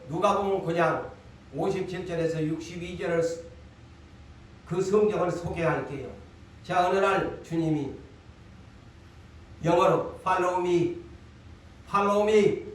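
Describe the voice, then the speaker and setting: A man with a Gyeongsang accent preaching a Sunday sermon, forceful, repeating lines and throwing rhetorical questions at his congregation. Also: high voice, a little hiss or hum. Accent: Gyeongsang Korean. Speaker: pastor. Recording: echoey hall, voice from far off.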